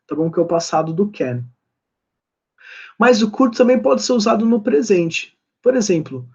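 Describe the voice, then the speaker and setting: Man, Brazilian Portuguese accent, English teacher, high voice, mellow tone, dull lo-fi class audio. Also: slightly rough. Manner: patient, reads English examples slowly then translates. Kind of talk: online English class explanation.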